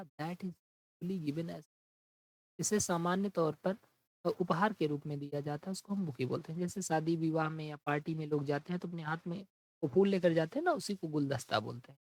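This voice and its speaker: A man teaching an English vocabulary lesson, explaining each word in Hindi and reading the English definitions slowly. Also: a little high, no echo, low-quality recording. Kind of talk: exam-prep vocabulary lesson.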